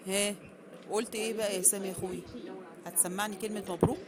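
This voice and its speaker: A woman voicing a kindly older father who talks in a warm, resigned, agreeable way. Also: medium pitch, fairly even intonation, fast talker, over a noisy crowd, lightly acted. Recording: noisy background.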